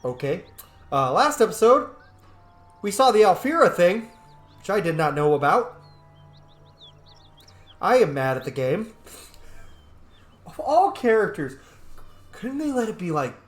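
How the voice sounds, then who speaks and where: Slightly sniffly and under the weather, this gaming channel host offers casual roleplay commentary on a video game. His voice is on the high side and very animated, yet slow, with frequent pauses. Faint game music plays behind him and the room echoes.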